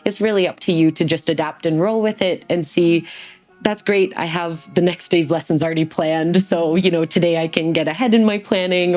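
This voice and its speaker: In an interview, a woman guest reflects on her years as a teacher and shares practical advice drawn from that experience. Her voice is low-pitched and a little mellow.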